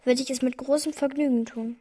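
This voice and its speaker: A woman's voice: high voice, fairly even intonation, fairly quick, warm tone. An actress playing a young orphan girl who answers frankly, proudly and seriously in an audio drama. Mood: frank, guarded.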